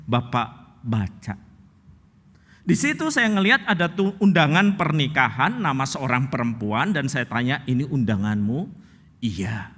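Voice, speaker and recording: A male pastor preaching a sermon as a humorous, animated storyteller. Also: medium pitch, long reverb tail.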